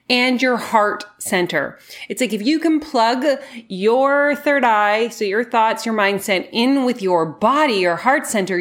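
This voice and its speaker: A woman's voice: mid-range voice, a bit bright. Effusive woman hosting a spiritual podcast. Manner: effusive, emphatic, informal. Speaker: podcast host. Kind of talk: spiritual podcast monologue, conversational storytelling.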